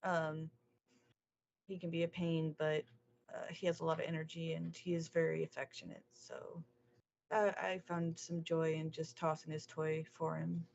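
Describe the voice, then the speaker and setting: Woman on a podcast chatting casually, lowish voice, kinda hesitant and modest, muffled lofi audio. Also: little pitch movement, normal speed, creaky, a little mellow. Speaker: podcast guest, streamer and artist. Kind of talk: casual chat.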